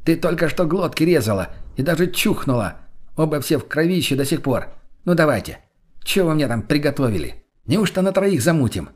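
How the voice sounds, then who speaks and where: A man voicing a crude, excitable young man who gripes and swears, in a husky voice. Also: a little high, a little fast, pitched above the performer's own voice. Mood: mocking. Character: jumpy foul-mouthed young man, crude joker.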